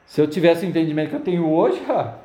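Guy preaching fast, voice jumping all over, tells stories acting out the demons, roomy echo. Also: on the high side. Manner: animated storytelling, acts out voices of demons and people. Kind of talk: sermon testimony.

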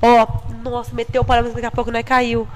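A young woman telling funny stories in a casual chat with friends, talking loud and animated, laughing as she goes. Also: a little high, fast talker, music in the background. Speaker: storyteller in a group chat.

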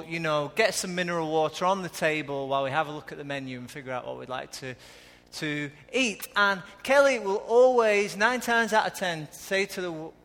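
A man's voice: on the high side, pushed and bright. A man with a Lancashire accent preaching a live sermon in a church, chatting to the congregation and asking them questions. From Lancashire, England. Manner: conversational, asks the audience questions. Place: church hall. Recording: live church recording with hall reverb.

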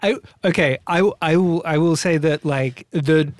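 A man's voice: a little high, unhurried, dry recording, clean studio sound. A man co-hosting a casual film-review podcast, rambling and laughing often, with the odd swear word. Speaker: podcast co-host.

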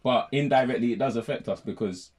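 A man's voice: medium pitch, fast, darkish tone. A young man, co-hosting a casual chat and explaining his points in street slang. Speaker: show co-host.

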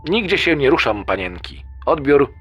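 A man's voice: medium pitch, sing-song, normal speed, fairly bright tone, slightly rough, voice pushed up. A man voicing a lazy, sarcastic young man who answers over a walkie-talkie in a spoken horror story. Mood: dismissive. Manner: teasing, sarcastic, swearing.

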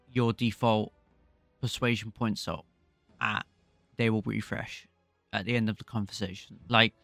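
This is a low-voiced man co-hosting a casual gaming podcast. He rambles as he thinks aloud, recorded dry and close, with faint music underneath. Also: gravelly, a bit bright, no room sound. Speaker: podcast co-host.

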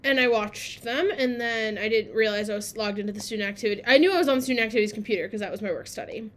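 A woman's voice: on the high side, racing. A young adult woman co-hosting a podcast, telling rambling stories in casual chat and often breaking into laughter. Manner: chatty, rambling storyteller who often laughs. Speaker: podcast co-host.

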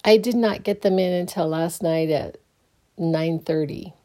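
A woman's voice: lowish voice, unhurried, mellow. A young adult woman, a counselor, chatting casually late at night, sleepy and rambling with lots of fillers and restarts. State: sleepy, yawning. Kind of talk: casual personal vlog.

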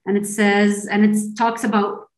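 A young adult woman from Argentina talks earnestly about her work, stumbling and restarting as she searches for words. Her pitch sits in a middling range for a woman. The recording carries a noticeable roomy echo. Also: monotone. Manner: earnest, halting with frequent restarts and laughs. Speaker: interview guest, filmmaker. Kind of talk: conversational interview.

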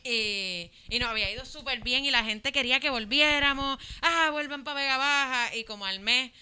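A comedian with a Puerto Rican accent telling a lively story in casual chat. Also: female voice, high voice, moderate pace, clear, resonant tone.

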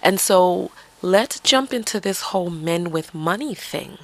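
Earnest Bronx-born woman, low voice. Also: expressive, a little slow. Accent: slight New York. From the Bronx, New York. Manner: earnest, coaching, asks many rhetorical questions. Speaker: podcast host. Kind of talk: reflective solo monologue.

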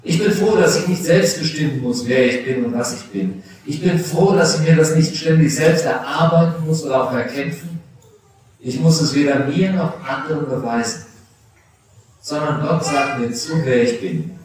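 A man's voice: fairly high pitch, normal speed, a little mellow, a little hiss or hum. A middle-aged man preaching a confirmation sermon, speaking personally and directly to teenagers. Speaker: pastor. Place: church. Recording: echoey church recorded from a distance.

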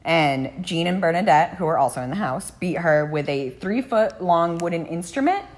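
A woman's voice: lowish voice, lively intonation, moderate pace. A woman hosting a true crime podcast, telling the case in a casual, blunt way with frequent swearing. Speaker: podcast host.

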